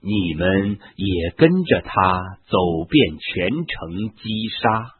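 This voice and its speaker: A man's voice: sits low, sing-song, takes it slowly, slightly rough, heavily acted. A man voicing a stern divine lord who gives solemn commands, on a tinny lo-fi recording.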